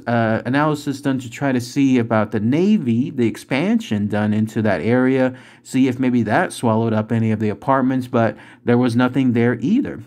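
A man's voice: medium pitch, a little mellow. A middle-aged man hosting a cryptid video, narrating casually over still images in a conversational, rambling way with fillers.

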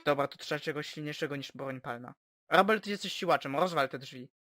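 A woman voicing a bossy, lazy boy team leader in a lowered, sneering voice for a parody cartoon dub, with music behind. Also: brisk, close to an everyday voice. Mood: commanding.

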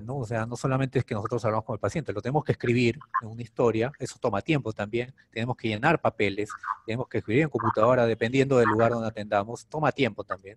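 A man's voice: mid-range voice, no echo. A middle-aged man, a doctor giving medical students an informal online lecture and tagging his sentences with a questioning "no?". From Peru. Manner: conversational, keeps asking "¿no?".

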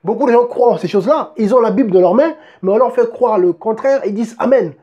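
A man's voice: very high voice, quick pace, warm tone, muffled recording. A man preaching a sermon and reading Bible verses, emphatic, often asking his listeners if they see, and restarting words as he goes.

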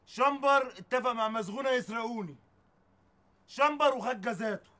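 An actor playing a ruthless gang boss in a TV drama, speaking with an Egyptian accent in a commanding, menacing way. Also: male voice, very high voice, normal speed, sharp tone. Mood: gloating. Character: ruthless male gang boss called the Prince. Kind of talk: TV drama acting.

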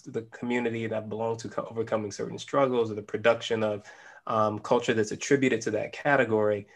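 Gravelly man asking reflective questions. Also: mid-range voice. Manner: reflective, thinking aloud. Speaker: professor, host. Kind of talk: interview questions. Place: home study with bookshelves. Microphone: desk microphone on a video call.

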